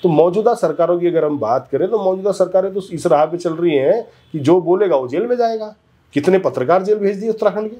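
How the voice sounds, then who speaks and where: This man speaks as the guest in a heated political interview. He argues insistently, talks over the person asking questions, and sometimes wanders through restarts and fillers. His voice sits fairly high but sounds dark and husky. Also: animated, a little fast. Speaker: interview guest, community leader.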